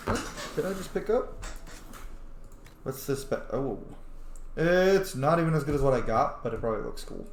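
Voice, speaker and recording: A man with a mid-range, expressive voice gives casual, profane commentary while playing a fantasy roleplay game, reacting aloud to events at normal speed and pausing often. The recording sounds roomy with faint background noise.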